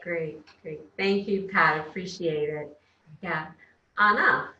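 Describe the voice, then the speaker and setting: Bright, roomy-sounding woman moderator. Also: lowish voice, slow pace, muffled recording. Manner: brief, encouraging prompts. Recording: roomy, distant from the mic.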